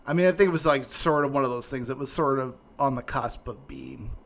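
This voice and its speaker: A man with an average-pitched voice hosts a podcast. His delivery is informal and conversational, with "like" dropped in often. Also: fairly quick, a bit bright. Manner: informal, peppered with "like". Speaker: podcast host. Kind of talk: casual podcast chat and hosting.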